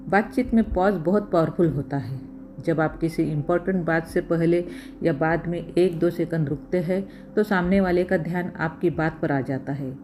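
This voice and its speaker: A woman giving scripted voice-over narration with steady, instructive delivery, counting off communication tips by number. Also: lowish voice, normal speed, faint music behind.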